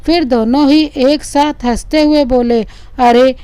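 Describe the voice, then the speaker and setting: A woman narrating an emotional story in the first person, measured and emotive. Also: high-pitched, steady tone, mellow, no echo.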